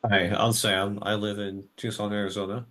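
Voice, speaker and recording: A man's voice: lowish voice, flat delivery, normal speed, fairly bright tone. A man in his twenties introducing himself as a podcast panelist over a video call, speaking in a plain, matter-of-fact way. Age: 20s.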